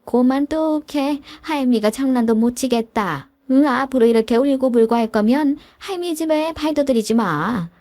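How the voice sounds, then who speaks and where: A woman voicing a nagging, sharp-tongued older mother-in-law who grumbles and scolds, in a raised voice for a spoken story. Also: high-pitched, normal speed, hardly any pauses, dry recording, pitched above the performer's own voice, natural voice. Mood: scolding.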